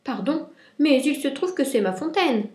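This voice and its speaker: A woman's voice: high voice, fairly even intonation, measured pace, dark tone, voice pushed up. A woman voicing a timid, anxious little male rabbit in a storybook, with a small, quavering, stammering voice. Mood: protesting. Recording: roomy echo.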